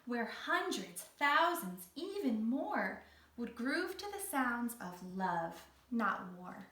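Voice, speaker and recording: A female children's read-along host and teaching artist tells stories and leads a guided exercise for young kids, theatrical, encouraging, and precise in her phrasing. Her voice is on the high side, a bit bright, sing-song, and slow. She's picked up from far off in a roomy, echoing space.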